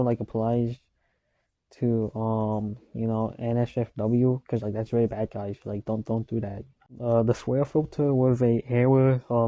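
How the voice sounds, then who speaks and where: Hesitant young man, flat dull voice. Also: medium pitch, no room sound. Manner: hesitant, full of ums and restarts. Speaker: league member. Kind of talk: casual chat.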